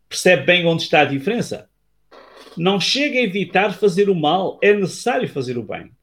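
Man, European Portuguese accent, earnest teaching storyteller, raspy fry, slightly high pitch. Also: very animated, normal speed, fairly bright tone. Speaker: guest speaker on spiritual life. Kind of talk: reflective storytelling talk.

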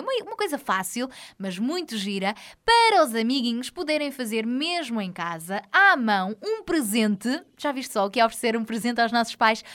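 A woman's voice: sits high, a bit bright. A woman with a European Portuguese accent co-hosting children's radio, chatting playfully to young listeners. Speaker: children's radio show host.

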